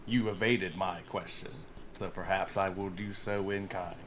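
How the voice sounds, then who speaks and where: A man's voice: sits low, steady tone, a little slow, a little hiss or hum. A man voicing a guarded male adventurer with dry, careful replies. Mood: wary.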